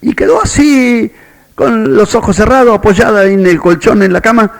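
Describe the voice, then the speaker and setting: A man's voice: high voice, normal speed. A man with a Rioplatense Spanish accent preaching a sermon as a pastor, telling a story and quoting its characters. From Argentina.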